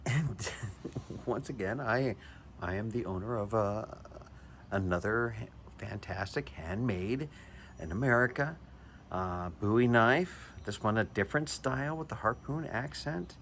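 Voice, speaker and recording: A man with a fairly low voice talks casually through a show-and-tell of a collectible knife, eager and chatty and often restarting his sentences. A faint hiss sits under his voice. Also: animated, measured pace, fairly bright tone. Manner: chatty and enthusiastic, with chuckles and hesitant restarts. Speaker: knife collector reviewing a purchase.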